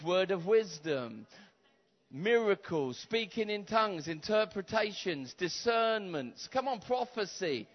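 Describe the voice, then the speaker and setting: A man with a high voice leads charismatic prayer from the pulpit, fervent and insistent, repeating his phrases. He swings from hushed, intimate prayer to shouted calls to the crowd. The recording is dull and lo-fi. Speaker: preacher leading prayer.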